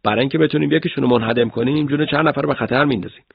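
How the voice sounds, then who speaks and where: A man voicing an earnest, blunt soldier comrade in a husky voice for an audiobook. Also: mid-range voice, dry recording, narrow, tinny audio, voice pushed up. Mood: urgent.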